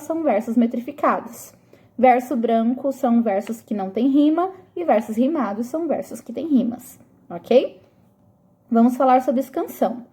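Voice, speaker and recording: A woman teacher with a high-pitched but mellow voice gives a recorded review lesson. She explains step by step and often pauses to check that her students are keeping up. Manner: explains slowly and patiently, checking in with frequent "tá?".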